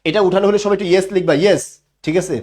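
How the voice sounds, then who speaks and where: A man's voice: sits high, fairly even intonation, rapid-fire, a little mellow. A young man teaching a live online grammar class, often asking students to repeat the answer back to him.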